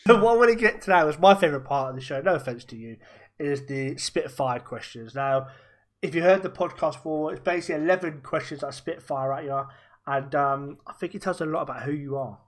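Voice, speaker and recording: Brief: young male podcast host, rapid and chatty, a touch high-pitched. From raised Welsh, born in Germany. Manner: quick, chatty, asks rapid-fire questions. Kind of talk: casual podcast interview.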